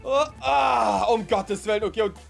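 A young man doing excited gameplay commentary, often exclaiming and shouting as he talks to his viewers. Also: high-pitched, normal speed, creaky, faint music behind. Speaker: gaming YouTuber.

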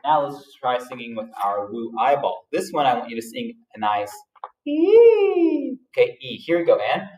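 A man teaching a vocal warm-up to children, giving patient instructions between high sung woo and E sweeps. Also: a little fast, few pauses. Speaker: music teacher. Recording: roomy echo, mic a little distant.

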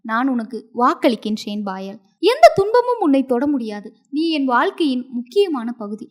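A woman's voice: high-pitched, very animated, moderate pace. A woman voicing an earnest young prince. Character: young prince freed from a curse, devoted and earnest.

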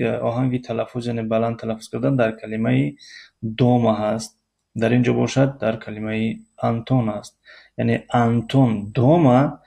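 A man with a Tajik accent teaching a casual spoken lesson, hesitating often with filler sounds and repeating example words slowly, recorded near a road. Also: medium pitch, gravelly, mellow. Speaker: Russian language teacher. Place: near a road with passing cars. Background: car noise.

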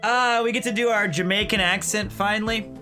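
A man's voice: high voice, steady tone, brisk, bright, forceful tone, soft background music. A man streaming a game, making self-mocking casual asides between voiced lines. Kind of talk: casual live-stream commentary.

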